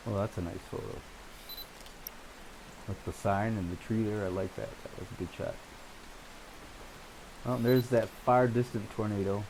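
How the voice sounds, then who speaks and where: A man with a fairly low voice gives casual video game commentary. He talks in an unhurried way, thinking aloud as he plays. There is clear, steady vehicle-like noise behind him. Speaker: gamer narrating a storm-chasing simulation game.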